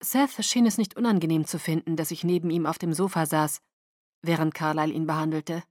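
A woman reading a first-person novel aloud in an expressive audiobook narration. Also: sits low, brisk, dry recording, clean studio sound.

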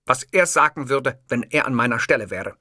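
Man playing pompous old dictator, haughty, emphatic, bright, audiobook. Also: mid-range voice, lively intonation, normal speed, dry recording, studio quality. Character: pompous, self-assured older male dictator. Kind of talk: audiobook character voice.

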